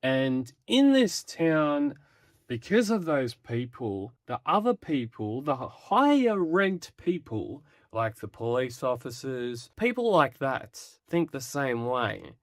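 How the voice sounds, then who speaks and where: A man talks through a comic book review in a loose, rambling way, often restarting his sentences. He speaks slowly at a mid pitch. The sound is dry and close, with little room in it. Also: big pitch swings, dry recording. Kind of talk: casual spoken review.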